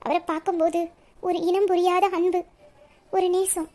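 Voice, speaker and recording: A woman's voice: very high voice, flat delivery, moderate pace, a little mellow. A woman voicing a troubled young woman who speaks hesitantly and evasively about her marriage. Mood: confessing. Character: troubled young bride-to-be, secretly in love. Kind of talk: audio story reading.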